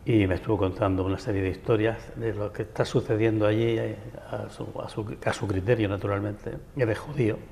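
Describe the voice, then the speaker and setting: Speaking fairly quickly and hardly pausing, a man from Barcelona with a Peninsular Spanish accent, a writer and architect, gives long, winding answers as a TV interview guest in a local studio. His low-side voice is steady and darkish with vocal fry, heard in a large hall with slight hiss or hum.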